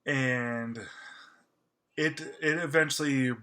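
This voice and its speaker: A movie reviewer with a mid-range, pushed and bright voice gives a casual spoken film review. He gushes enthusiastically but stammers, halting with many fillers and restarts.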